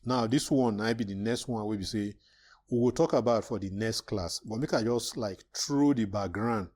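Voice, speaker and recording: A man's voice: lowish voice, moderate pace, darkish tone. A man with a Nigerian accent teaching an informal step-by-step computer lesson, repeating phrases as he explains. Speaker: tutor teaching a spreadsheet class. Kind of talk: informal step-by-step tutorial in Pidgin.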